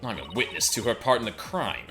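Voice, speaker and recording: Over clear background music comes a gravelly, gruff tabloid schemer from a video game , played by a man. The delivery is punchy and conspiratorial, with big swings in pitch and a strained rasp. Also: expressive, fairly quick, close to an everyday voice. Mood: smug, scheming. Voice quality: gravelly, throat-straining Solid Snake-style rasp. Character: gruff scheming schoolgirl tabloid reporter hiding in a box. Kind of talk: comic fan read-through of a video game.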